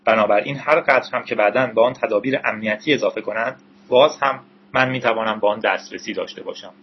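A man voicing a calm, knowing male programmer with a measured, explanatory delivery, in an audiobook reading. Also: fairly low pitch, breathy edge, dull audio.

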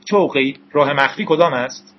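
A man's voice: medium pitch, expressive, breathy edge, highs cut off. A man voicing an eager young male gamer with a questioning delivery, in an audiobook reading.

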